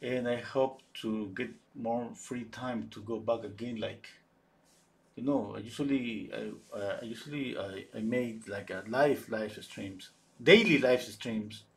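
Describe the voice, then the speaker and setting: A man's voice: medium pitch, measured pace. A man hosting a live oil-painting stream. He thinks aloud while he paints, answers viewers' chat, and often restarts his sentences. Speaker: painting livestream host.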